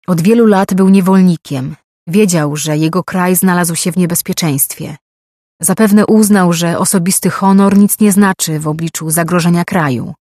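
An earnest young male envoy pleads and argues his case in an audiobook, as a reader puts him on. His voice sits a little higher than the narration. The sound is dry and close. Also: normal speed, a little mellow, no echo, natural voice. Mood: pleading. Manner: pleading, argumentative.

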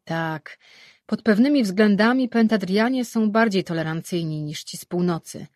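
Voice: mid-range voice, normal speed, a little mellow, no echo, natural voice. A reader voicing Tamun, a spiteful-sounding old woman's mind voice, dry and teasing, in a fantasy audiobook.

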